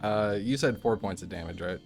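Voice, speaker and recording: A man with a low voice playing a tabletop game. He talks casually and curses freely, and faint guitar music plays behind him. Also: fairly quick. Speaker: player.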